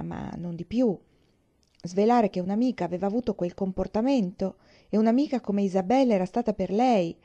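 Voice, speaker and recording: A woman narrating a classic novel as an audiobook, in a calm, measured reading. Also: lowish voice. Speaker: audiobook reader.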